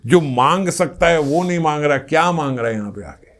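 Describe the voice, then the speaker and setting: A man's voice: fairly high pitch, animated, brisk, a bit bright. A man giving a devotional discourse, speaking earnestly and repeating phrases for stress, now and then acting out little everyday scenes. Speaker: spiritual speaker.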